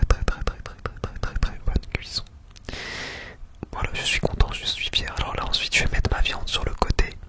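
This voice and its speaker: A food ASMR video is narrated by a man in a whisper pressed close to the listener's ear, with repeated words and phrases used for emphasis.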